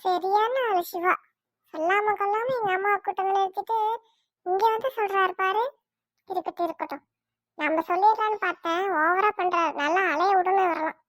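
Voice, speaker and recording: A woman's voice: extremely high pitch, brisk. A young woman playing a newly married bride, chatty and playful with her husband, in an amateur family drama. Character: young bride, emotional and teasing.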